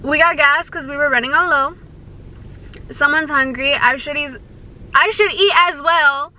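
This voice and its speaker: A woman's voice: high-pitched, normal speed, pushed and bright. A young woman vlogging casually from a car, giggly and rambling, with a slight lisp from retainers. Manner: giggly, rambling with many likes. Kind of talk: casual vlog chat.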